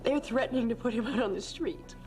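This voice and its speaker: An actress playing a coolly manipulative, seductive lover in a television crime drama, her voice sometimes breathy. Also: on the high side, brisk, over music, close to an everyday voice. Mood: pleading, calculated.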